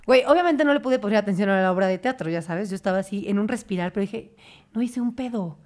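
A young woman with a Mexican Spanish accent, hosting a podcast and telling stories in a casual, animated way, acting out quotes. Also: medium pitch, racing. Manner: animated, swearing, acts out quotes. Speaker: podcast host. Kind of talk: casual chat.

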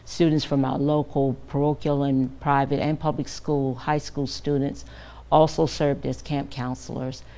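An older woman, the director of a children's camp, is a guest in a TV news studio interview, speaking into a lapel mic. Her bass voice is warm, with a flat delivery at a measured pace. She talks earnestly and deliberately, using frequent fillers.

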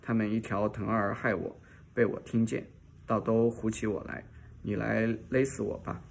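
A sharp-tongued, jealous young noblewoman from a classic novel scolds and curses, as a male reader voices her in his own low, gravelly voice. The delivery stays close to plain reading aloud, with a rough, creaky edge under it. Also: little pitch movement, normal speed, slight background noise. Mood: pleading. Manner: scolding, cursing.

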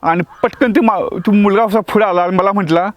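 A man's voice: high voice, steady tone, brisk. A man who teaches acting tells a personal devotional experience as a story. He talks vividly, acts out the dialogue, and often restarts his words.

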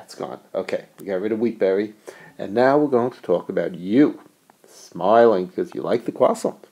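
A middle-aged man teaches economics in a recorded video lecture, playful and full of jokey asides. His voice is gravelly and a little husky. His pitch swings widely as he talks. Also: darkish tone. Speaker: economics professor. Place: US college.

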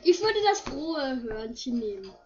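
A man's voice: extremely high pitch, very animated, unhurried. A man hosting a let's play with casual game commentary. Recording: dull lo-fi, game music behind.

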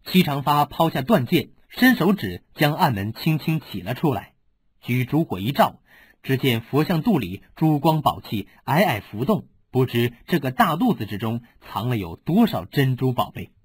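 Husky man narrating an audiobook. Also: mid-range voice, normal speed, no echo. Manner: animated storytelling. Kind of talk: scripted narration.

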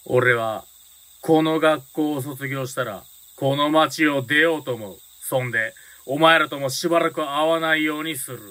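In a Japanese radio drama, a male actor plays a high-school gang boss, speaking sincerely in rough delinquent slang. His tone is bright and forceful at a moderate pace, sounding earnest and resolved.

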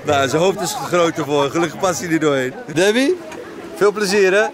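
Animated, high-voiced man vlogging outdoors. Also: normal speed. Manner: playful, repetitive urging of children. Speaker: parent vlogger filming a family day out. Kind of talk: casual vlog chat. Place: outdoors in an amusement park. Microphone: handheld camera. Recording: crowd and music behind.

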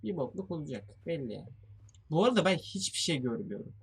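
Young male gamer, slightly high and husky, nervous swearing let's play commentary. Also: very animated, fast. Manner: jumpy, swearing, thinking aloud to viewers. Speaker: gamer playing a horror game.

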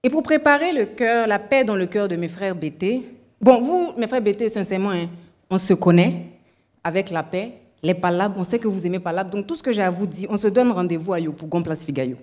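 A woman from Cameroon giving a playful, theatrical speech to a minister on a TV show, stressing her words slowly. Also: mid-range voice, a little mellow. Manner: playful, theatrical, slow emphatic delivery.

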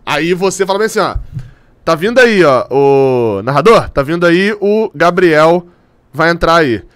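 Um homem na casa dos trinta com sotaque carioca, apresentando um podcast de futebol por chamada de vídeo de casa, brincalhão e cansado. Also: male voice, on the high side, measured pace, clear, resonant tone. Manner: joking, animated, imitates others. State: tired. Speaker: podcast host. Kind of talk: casual football podcast chat. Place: home room.

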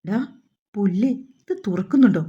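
Woman narrator voicing a furious young man, husky and dark, in a dull storybook recording. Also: mid-range voice, lively intonation, normal speed. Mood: angry. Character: hot-tempered young man, cursing and shouting.

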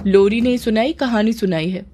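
Woman narrator doing a sleepy young woman, drowsy drawn-out talk, higher voice, audio horror story. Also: warm tone, slight background noise, natural voice.

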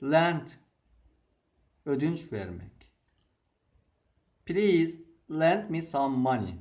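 Very slow, deliberate male teacher. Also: a little high, big pitch swings, darkish tone. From Turkey. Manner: slow, deliberate reading of words and example sentences. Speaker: English teacher. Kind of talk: slow vocabulary lesson.

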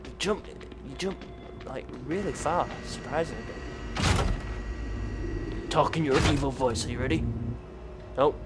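Slow, excitable gaming commentator man. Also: mid-range voice, loud music behind the voice. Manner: excitable, talks to himself and the enemies while playing. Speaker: gaming video creator. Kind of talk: gameplay commentary.

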